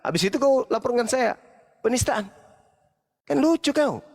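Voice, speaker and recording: Heated high-voiced preacher. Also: male voice, expressive, normal speed, darkish tone. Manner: heated, mocking, repetitive rebukes. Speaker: Islamic preacher. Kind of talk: angry scolding monologue. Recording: long hall reverb.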